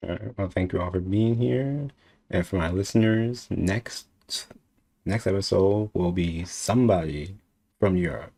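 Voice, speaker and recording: A man hosting a casual interview podcast, thanking guests and signing off in a relaxed, friendly way. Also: low voice, measured pace, vocal fry. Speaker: podcast host.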